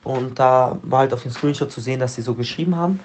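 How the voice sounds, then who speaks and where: A man's voice: mid-range voice, fast, a little mellow, a little hiss or hum. A man in a casual discussion, telling a story in a laid-back, colloquial way.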